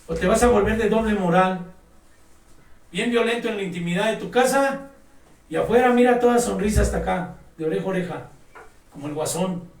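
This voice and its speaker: High-voiced preacher in an echoey room. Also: male voice, fairly quick, long pauses, a little mellow. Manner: emphatic, exhorting, addresses listeners directly. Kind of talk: sermon. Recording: echoey room, mic at a distance.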